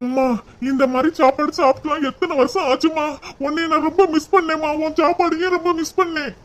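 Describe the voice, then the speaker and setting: A man's voice: very high voice, level tone, a little fast. A man voicing a grown village son back from work abroad, homesick and fond of his family. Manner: warm, homesick.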